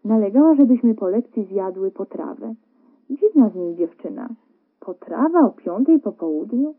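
A woman voicing a loving and stubborn young wife in a radio story reading, talking in a bright, coaxing way. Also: mid-range voice, animated, normal speed, husky. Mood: chatty. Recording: narrow phone-like radio broadcast.

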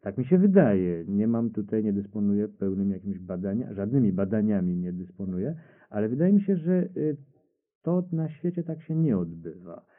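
A man's voice: on the low side, expressive, normal speed. A man talking about his radio cabaret show in front of an audience, rambling and hesitant, often correcting himself. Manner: rambling, hesitant, self-correcting, reads quotes aloud. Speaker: radio cabaret creator answering questions. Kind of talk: unscripted public talk with audience questions. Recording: tinny lo-fi archive radio recording.

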